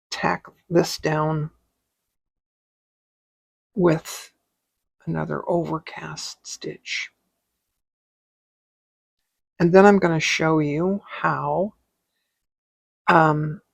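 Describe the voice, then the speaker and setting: Craft teacher lady, rambly and chatty, kinda gravelly, dry close sound. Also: on the low side, no echo. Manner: rambling, chatty, thinks aloud. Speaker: stitching teacher. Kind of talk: casual craft tutorial.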